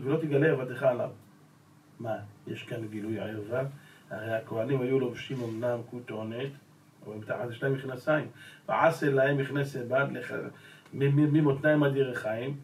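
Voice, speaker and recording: Rabbi exhorting in an echoey hall. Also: male voice, mid-range voice, a little hiss or hum. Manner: exhorting with rhetorical questions; addresses the audience as gentlemen. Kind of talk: Torah lesson sermon. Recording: roomy echo, voice from a distance.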